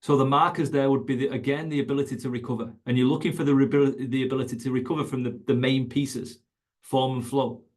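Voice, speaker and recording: Male coach, mid-pitched, emphatic webinar delivery with repeated points. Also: steady tone, fast talker. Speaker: fitness coach educator.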